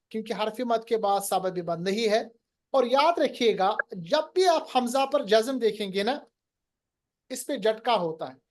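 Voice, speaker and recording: Woman teacher, slightly high voice, really slow patient explaining, asks the class questions. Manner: patient, explains rules and quizzes students. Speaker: Quran recitation teacher.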